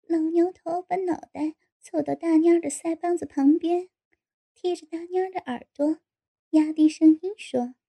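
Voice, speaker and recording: A woman narrating an audiobook in a steady storytelling delivery. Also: extremely high pitch, moderate pace, creaky.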